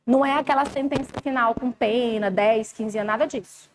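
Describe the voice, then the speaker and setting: A high-pitched woman with a Brazilian Portuguese accent teaches a live law class, lively and chatty, talking straight to her students. The recording carries clear background noise from the classroom. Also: brisk.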